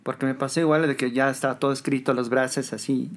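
A man's voice: medium pitch, flat delivery, fast talker. A young adult Bolivian man with a Bolivian Spanish accent, a pianist chatting in an interview with frequent tag questions. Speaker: guest musician, pianist. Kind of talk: casual interview talk.

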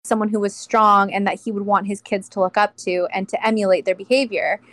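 A woman's voice: medium pitch, fairly even intonation, a little fast, a bit bright, no room sound. A woman in her thirties, a podcast guest, talking in a casual, heartfelt way, with lots of fillers. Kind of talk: casual chat.

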